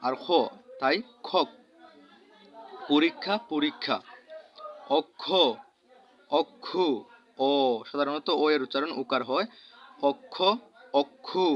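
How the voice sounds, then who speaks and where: A man with a Bangladeshi Bengali accent teaching a grammar lesson, saying each example word slowly and repeating it. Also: a little high, a bit bright. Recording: dull lo-fi recording.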